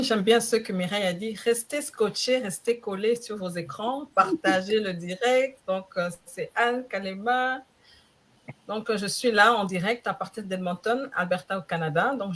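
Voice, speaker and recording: Brief: woman from Congo, mid-pitched, friendly self-introduction full of fillers. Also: normal speed. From Democratic Republic of the Congo. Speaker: panel guest, digital entrepreneur. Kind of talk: self-introduction on a live stream.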